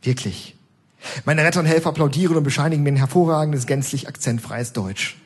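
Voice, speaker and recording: A man giving a comic stage reading of his own texts, narrating in the first person in a dry, deadpan way. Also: on the high side, fast, husky.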